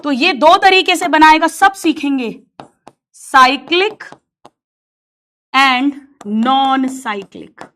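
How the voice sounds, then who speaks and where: High-voiced woman teaching with lively storytelling. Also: drawn-out words, pauses often. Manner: animated, acts out quarrels between characters, addresses students as beta. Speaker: biology teacher. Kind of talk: storytelling lesson in Hindi with English terms.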